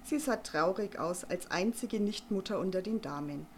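A woman reading a children's story aloud, expressive and playful. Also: mid-range voice, normal speed, slight background noise. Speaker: narrator.

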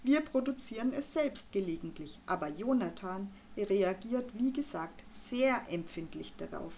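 A woman's voice: medium pitch, lively intonation, a little slow, a little mellow, slight background noise. Woman doing a stern pompous doctor. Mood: lecturing. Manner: gruff, lecturing, then conspiratorial. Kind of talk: audiobook reading.

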